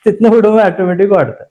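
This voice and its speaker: A man leading a motivational class session, his voice pitched high but mellow in tone. He talks emphatically and drives his points home with rhetorical questions to the room. He weaves in personal stories, acting out his own inner voice as he goes. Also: muffled recording. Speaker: course trainer.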